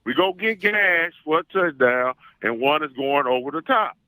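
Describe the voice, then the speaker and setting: A man with a bright, forceful voice, pitched a bit high, speaks in an Arkansas Southern drawl. He is a boastful call-in sports fan who hammers his points by repeating them. The sound is dry and close. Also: lively intonation, moderate pace, no room sound, low-quality recording. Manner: boastful, emphatic, repeats phrases. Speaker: call-in guest, self-styled football scout. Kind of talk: animated sports fan talk.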